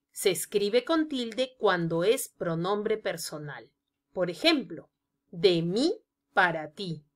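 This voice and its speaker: Slow, lively-pitched woman teaching grammar. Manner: slow, deliberate explanation of examples. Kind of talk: scripted grammar lesson narration.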